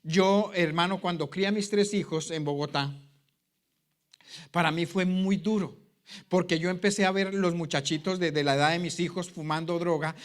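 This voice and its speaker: A middle-aged man preaching a sermon, telling a personal testimony that swings from loud pleading to hushed, quiet tones. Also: high voice, fairly even intonation, moderate pace. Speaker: pastor.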